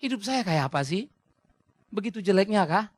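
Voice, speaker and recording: A male pastor preaching an emphatic, rhetorical sermon with sudden rises in pitch. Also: lively intonation, moderate pace, no room sound.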